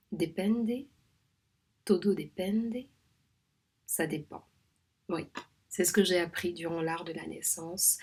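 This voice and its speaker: A home midwife from Réunion gives a reflective monologue in a soft, measured manner, often dropping to a half-whisper and hesitating frequently. Her voice sits low and sounds husky.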